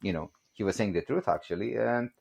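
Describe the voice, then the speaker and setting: Here the Greek guest, a fortyish barbell company production manager, talks a little fast in a low, creaky, somewhat mellow voice. His casual podcast storytelling carries a Greek accent, lots of laughing and joking, and a steady stream of "you know."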